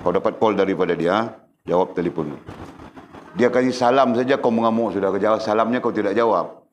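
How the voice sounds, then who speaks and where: A man's voice: lowish voice, brisk, a little hiss or hum. A middle-aged man, giving a religious lecture in a conversational style and teasing his listeners with questions. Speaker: religious teacher.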